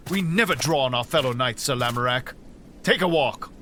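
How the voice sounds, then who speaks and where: A man plays a noble king in an audio drama, authoritative yet kindly. The delivery is expressive and wide-ranging, over faint ambient noise. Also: mid-range voice, close to an everyday voice. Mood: stern. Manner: measured, commanding, reassuring.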